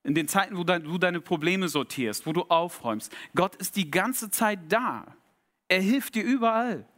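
Soft-spoken reflective male preacher. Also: lively intonation, normal speed. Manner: reflective, intimate, often dropping to a soft low voice; addresses the congregation directly with questions. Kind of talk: sermon.

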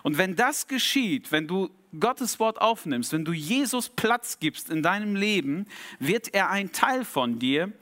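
A man preaching a sermon, reflective and intimate, often dropping to a soft low voice and asking the congregation direct questions. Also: animated, unhurried.

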